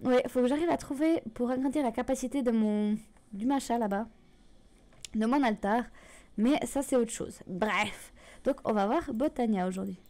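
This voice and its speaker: A woman's voice: a little high, normal speed, mellow. A woman casually commenting on her gameplay, chatty and self-correcting, with mild swearing. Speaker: gaming video host.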